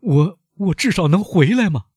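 A man's voice: animated, moderate pace, slightly rough, dry recording, clean studio sound. A man reading an audiobook, voicing a desperate young man who pleads and questions urgently. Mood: pleading. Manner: urgent, high and loud pleading. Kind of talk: audiobook character voice.

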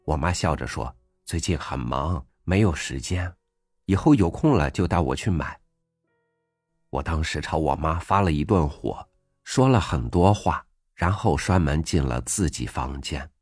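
A man hosting a reading program, narrating a first-person essay in a gentle, reflective way. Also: low-pitched, no room sound. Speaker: audiobook host reading an essay. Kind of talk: scripted narration. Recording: dry studio voice over faint music.

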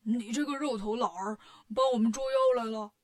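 A woman voicing a lazy, greedy male pig warrior in a storybook tale, whining loudly. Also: fairly high pitch, normal speed, natural voice. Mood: whiny.

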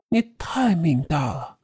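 A creepy taunting clown puppet. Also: female voice, low-pitched, dark tone, slightly rough, dry recording, studio quality, exaggerated voice. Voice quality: distorted, eerie, ugly processed voice. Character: sinister mocking clown puppet assassin, processed creepy voice. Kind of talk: audiobook drama voice.

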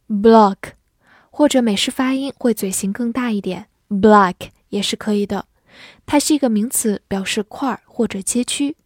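Clear-spoken woman teaching vocabulary. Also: fairly high pitch, a little mellow, no echo, clean studio sound. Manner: clear, measured explanation with slow read-alongs. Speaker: English teacher. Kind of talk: vocabulary lesson.

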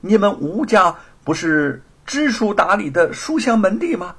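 Guy doing a shrill scheming villain lady, husky, loud and mocking. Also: sing-song, measured pace, full character voice. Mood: sneering. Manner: mocking, shrill, then cowering. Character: scheming sharp-tongued woman villain.

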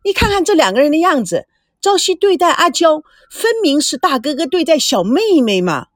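A woman's voice: sits high, sing-song, normal speed, no echo, studio quality, pitched above the performer's own voice. A woman voicing a patient, outspoken female crew member in a storybook reading, earnest and lecturing.

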